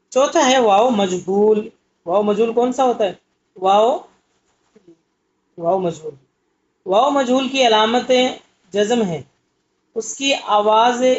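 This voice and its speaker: A man teaching an Urdu exam-prep lesson, explaining patiently and asking questions that he answers himself. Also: high-pitched. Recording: muffled lo-fi audio.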